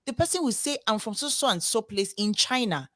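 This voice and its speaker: A woman's voice: fairly high pitch, fairly quick, no room sound. Earnest Nigerian woman, dry close sound. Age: young adult. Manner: earnest, animated, emphatic, repeats words. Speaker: discussion host. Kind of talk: casual roundtable discussion.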